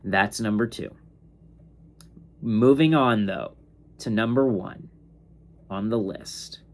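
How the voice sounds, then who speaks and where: Young male comics vlogger, sleepy and yawning, low-pitched, slow and rambling, full of fillers. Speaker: comics reviewer. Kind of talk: casual ranking monologue.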